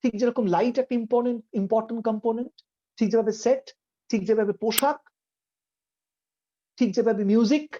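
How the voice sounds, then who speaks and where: A man's voice: extremely high pitch, fairly even intonation, fairly quick, pauses often, warm tone, muffled recording, a little hiss or hum. A middle-aged man teaching a theatre workshop, explaining acting in an earnest, emphatic way and slipping into English phrases.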